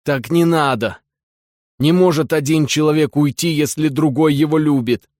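A man voicing a self-pitying, theatrical middle-aged husband who whines in a drawn-out nasal tone, read as an audiobook character. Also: fairly high pitch, darkish tone, dry recording, clean studio sound, pitched above the performer's own voice, close to an everyday voice. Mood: indignant.

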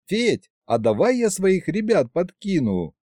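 A man voicing a chatty young elf king who explains things in a lively, raised voice. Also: high-pitched, measured pace, dry recording, clean studio sound, pitched above the performer's own voice, heavily acted. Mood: explaining.

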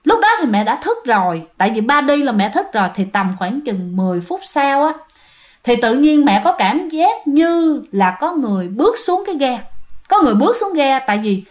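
A woman's voice: high-pitched, big pitch swings, moderate pace. A woman telling ghost stories in a chatty way and often speaking straight to her listeners. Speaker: ghost story narrator. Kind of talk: casual storytelling to listeners.

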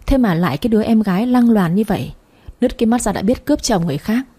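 A woman's voice: medium pitch, lively intonation, quick pace, dark tone, slightly rough. A woman voicing a heavy-set jealous wife who hurls coarse insults and threats. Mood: contemptuous, threatening.

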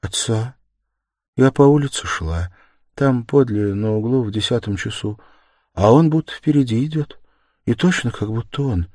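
A man's voice: mid-range voice, animated, moderate pace, no echo, clean studio sound, voice pushed up, lightly acted. Man voicing meek, timid young Sonya. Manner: soft, hesitant, rising to tearful pleading. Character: timid, meek young woman, gentle and pleading. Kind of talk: audiobook character reading.

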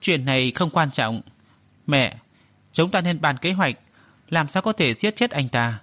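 A man's voice: fairly high pitch, animated, measured pace, a bit bright. Vengeful scheming young man, read by a man. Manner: cold and curt.

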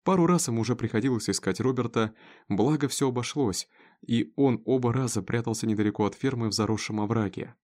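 A man reading a dramatic story aloud in a steady narrating voice. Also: medium pitch, fast talker. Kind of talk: scripted audiobook narration.

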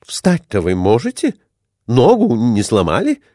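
A man voicing a fussy, solicitous gentleman who keeps questioning in a storybook reading. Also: medium pitch, wildly swooping pitch, measured pace, no room sound, studio quality, voice pushed up. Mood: fussing. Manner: fussing, questioning.

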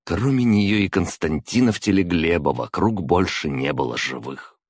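Deep male narrator, measured fantasy reading, close dry mic. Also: animated, husky, no echo. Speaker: audiobook narrator.

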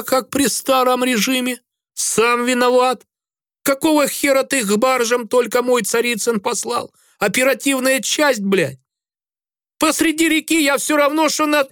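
A man voicing a drunk, insolent sailor who jeers, shouts and swears coarsely. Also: high-pitched, big pitch swings, slow, no room sound, clean studio sound, voice pushed up, heavily acted. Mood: angry shouting.

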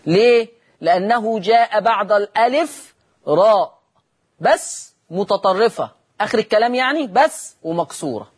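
Husky Egyptian recitation teacher. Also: male voice, high-pitched, lively intonation. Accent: Egyptian Arabic. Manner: explains rules, then recites example words slowly; poses students' questions and answers them himself. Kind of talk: televised recitation lesson.

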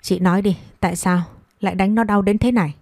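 A woman voicing a sick old grandmother who shouts in protest to defend her grandchild in a storybook reading. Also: mid-range voice, fairly even intonation, fast talker, no room sound, studio quality, natural voice. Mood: indignant. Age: older.

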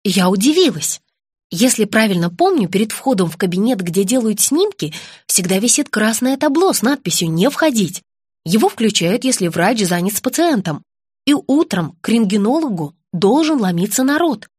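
Husky female audiobook narrator. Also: mid-range voice, very animated, moderate pace, a little mellow, dry recording, studio quality. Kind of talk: first-person ironic detective narration.

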